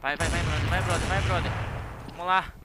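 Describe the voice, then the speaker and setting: A young man with a Brazilian Portuguese accent giving excitable, slangy commentary over his shooter gameplay. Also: on the high side, brisk. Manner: excitable, slangy, shouts at the game. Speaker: gaming channel host. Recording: gunfire noise under voice. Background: game gunfire.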